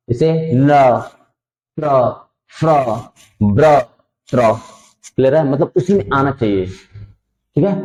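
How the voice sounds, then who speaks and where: A man's voice: mid-range voice, dark tone. Patient man teaching a Hindi lesson. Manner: patient, repeats and checks understanding. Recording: echoey room, dull lo-fi sound.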